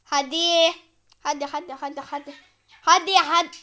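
A woman with a high, bright voice gives excited live commentary over her gameplay. She chants single words again and again at the action and turns now and then to address the viewers as friends. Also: normal speed. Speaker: gamer and channel host.

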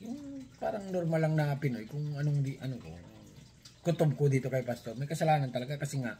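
A man's voice: on the high side, expressive, fairly quick, warm tone. A man from the Philippines hosting his channel, giving casual reaction commentary on a news story in a rambling, chatty way with many hesitations and rhetorical asides. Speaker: channel host.

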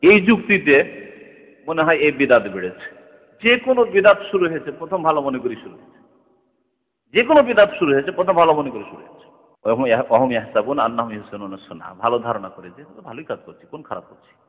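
A man's voice: mid-range voice, animated, quick pace. Man lecturing in a reverberant hall. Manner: conversational, swings from soft asides to emphatic loud points. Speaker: Islamic lecturer. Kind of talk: hadith lecture. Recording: dull lo-fi recording in a reverberant hall.

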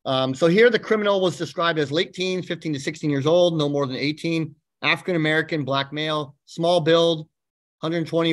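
A man giving a lecture as a university instructor to law students. He explains step by step, often filling pauses with "um" and checking in with "okay?". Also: fairly high pitch, a bit bright. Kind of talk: lecture presentation.

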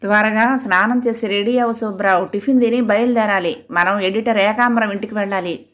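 A woman's voice: medium pitch, steady tone, a little fast, fairly bright tone, natural voice. A woman voicing a domineering wife with a commanding, threatening manner. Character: bossy domineering wife, aspiring writer.

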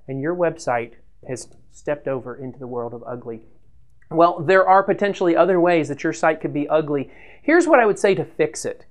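A man in his fifties giving a standing whiteboard lesson in a small room, talking animatedly and gesturing as he explains. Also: fairly high pitch. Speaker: church web consultant presenter.

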